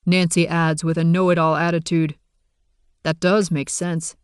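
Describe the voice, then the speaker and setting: A man's voice: fairly high pitch, flat delivery, a little slow, clear, resonant tone, no echo, studio quality. Man narrating a wry audiobook. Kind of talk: first-person audiobook narration.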